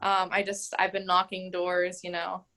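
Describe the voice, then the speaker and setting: A woman in her twenties who is running for mayor answers interview questions chattily, peppering her speech with "like" and "um" and laughing easily. Her voice is fairly low, pushed and bright, at a normal speed, though her delivery is completely flat.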